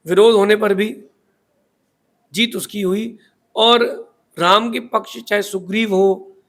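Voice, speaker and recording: A man's voice: sits high, fairly bright tone. A man giving a sermon in a preachy storytelling manner, asking rhetorical questions as a spiritual teacher.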